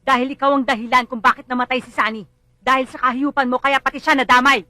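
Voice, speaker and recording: A woman's voice: high-pitched, level tone, fast, sharp tone, no echo. An actress playing a bereaved mother who bitterly blames others and lashes out in anger. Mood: furious. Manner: bitter, accusing, rising to screams. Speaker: grieving mother. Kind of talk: film drama acting.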